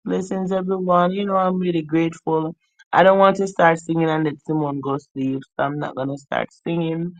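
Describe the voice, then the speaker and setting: A woman's voice: low-pitched, fairly even intonation, normal speed, no room sound, lo-fi sound. A woman hosting a live stream in casual chat, teasing her viewers and laughing often. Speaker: livestream host.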